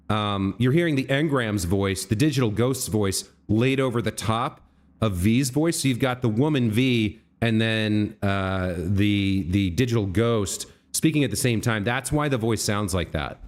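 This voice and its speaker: A man's voice: lowish voice, expressive, a little slow. A man live-streaming a game, explaining it casually and patiently with a hesitant delivery.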